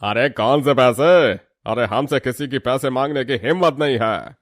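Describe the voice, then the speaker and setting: A swaggering cartoon thug, played by a man, loud and bullying as he taunts. His voice is medium in pitch and recorded dry and close. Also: moderate pace, no room sound, natural voice. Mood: taunting. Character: swaggering male railway-station thug.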